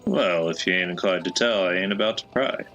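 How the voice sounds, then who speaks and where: A man's voice: low voice, fairly quick, fairly bright tone, dull audio, soft background music. A man voicing a chatty, folksy old male peddler with a put-on American Southwestern drawl, reading game dialogue in character.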